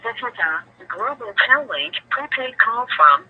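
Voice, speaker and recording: A man's recorded call-system voice comes through a speakerphone, thin and phone-like. It sits high and swings around in pitch, with a husky edge. He reads instructions and numbers in a set, recited way. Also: sing-song, measured pace. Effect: played over speakerphone. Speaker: automated prison call announcement. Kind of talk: prerecorded phone-system message. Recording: tinny phone line on speakerphone.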